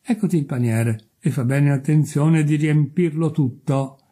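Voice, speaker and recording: A man's voice: fairly high pitch, measured pace, warm tone. A man voicing a selfish miller who talks in a pompous, self-righteous way. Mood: smug.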